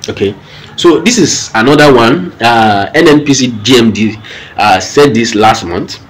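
A man's voice: medium pitch, animated, a little slow, poor audio. A man with a Nigerian accent giving news commentary in an explanatory way.

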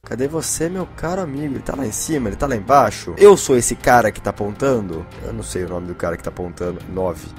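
A young man from Brazil commentating a video game, excitable, switching between loud bursts and hushed whispers. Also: mid-range voice, fast talker, hardly any pauses. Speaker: gameplay commentator. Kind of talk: Minecraft let's play commentary. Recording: faint game music behind.

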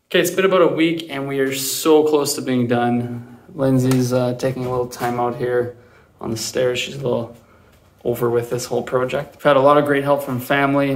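A young man talks upbeat and chatty while filming himself at arm's length. His mid-pitched voice bounces around a bare, echoey basement room, with the roomy sound of an unfinished space. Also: flat delivery, normal speed, a little hiss or hum. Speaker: DIY vlogger. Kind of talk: casual vlog narration. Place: basement workshop, indoors. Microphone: handheld camera at arm's length.

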